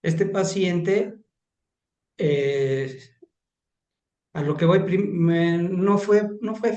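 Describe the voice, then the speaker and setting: A man's voice: on the high side, a little mellow. A man, a pastor and counselor, sharing a rambling, emphatic story in an online class. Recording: roomy echo.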